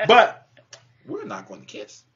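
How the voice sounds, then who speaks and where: A high-voiced co-host in his thirties speaks a little slowly while arguing in a casual live chat from his home kitchen. Animated and teasing, he laughs frequently; the webcam audio is lo-fi and muffled.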